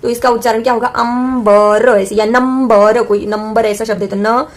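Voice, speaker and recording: A woman with a somewhat high voice teaches a lesson. She explains patiently and repeats each example sound, drawing it out slowly so learners can follow. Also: fairly even intonation, a little mellow. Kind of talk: classroom-style lesson explanation.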